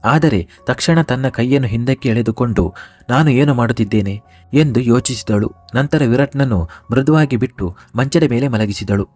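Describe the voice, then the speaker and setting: Male storyteller, mid-pitched, even scripted narration, soft music underneath. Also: no echo.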